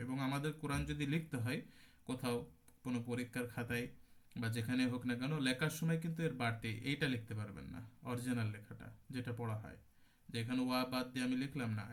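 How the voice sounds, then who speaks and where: A man with a Bangladeshi Bengali accent teaching an online class on Quran recitation, at a middle pitch for a man. He explains patiently, goes over the terms again and sounds out words to demonstrate them. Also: a bit bright.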